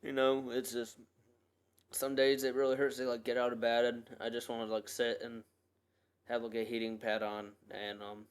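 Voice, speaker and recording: A young man speaks in a personal podcast monologue at a middle pitch, earnest and rambling. He starts over often and leans on many fillers as he talks. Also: little pitch movement, moderate pace, clear, resonant tone. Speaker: podcast host.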